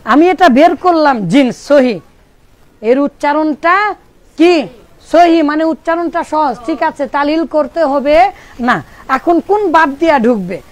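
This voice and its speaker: A woman's voice: sits high, measured pace. A woman teaching a classroom grammar lesson. She asks the students questions, answers them herself, and patiently repeats each point. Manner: patient, repetitive explaining.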